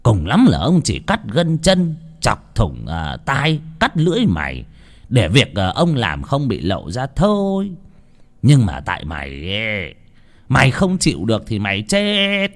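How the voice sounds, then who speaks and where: A man's voice: mid-range voice, wildly swooping pitch, a little slow. A man doing a callous old village chief. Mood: menacing. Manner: cold, dismissive, commanding.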